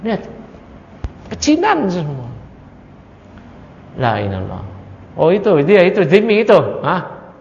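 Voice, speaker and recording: High-voiced man lecturing in an echoey hall. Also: unhurried, gravelly, pauses often, a little hiss or hum. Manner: animated, fires rhetorical questions at the audience. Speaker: Islamic religious teacher. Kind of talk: study-circle lecture on a creed text. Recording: echoey hall, dull lo-fi sound.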